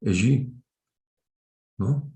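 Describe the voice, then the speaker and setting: This engineering lecturer speaks very slowly in a gravelly, dark voice of medium pitch. He explains things to students in an informal, teaching manner, frequently adding quick tag questions, over roomy, echoing online-class audio.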